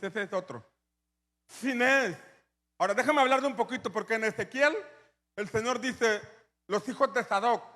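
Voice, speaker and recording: High-voiced preacher in a reverberant hall. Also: male voice. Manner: animated storytelling, building to shouts. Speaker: pastor. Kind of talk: sermon.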